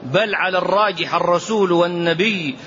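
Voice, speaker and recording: A sheikh delivers a religious lesson explaining a poem, speaking emphatically, repeating phrases, and drawing out the verses he quotes. His voice sits high and is fairly bright and a little fast, on a dull lo-fi lecture recording with faint ambience.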